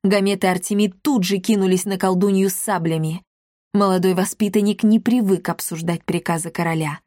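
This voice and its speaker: A woman reading a children's fantasy story aloud, lively and dramatic, on a close microphone. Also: mid-range voice, a little fast, no room sound. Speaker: audiobook narrator. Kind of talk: expressive audiobook reading.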